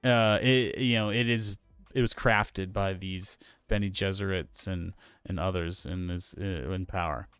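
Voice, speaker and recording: Male podcast co-host, rambling and hesitant, smooth voice, dry close recording. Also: low-pitched, steady tone, unhurried, a bit bright, no echo, faint music behind. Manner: rambling, hesitant, many fillers and restarts. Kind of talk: casual film podcast chat.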